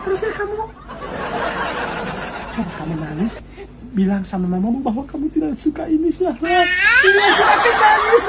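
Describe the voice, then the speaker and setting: Comic father, high voice with big swooping pitch, laughing mock lecture to a baby; loud crowd and noise behind. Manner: laughs while talking, theatrical mock scolding. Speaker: father talking to his baby daughter. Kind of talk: joking monologue to a baby.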